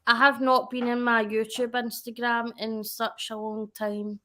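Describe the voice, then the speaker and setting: A woman's voice: fairly high pitch, little pitch movement, a little slow, bright, forceful tone. A woman chatting casually as a guest on a livestream, rambling and correcting herself as she goes.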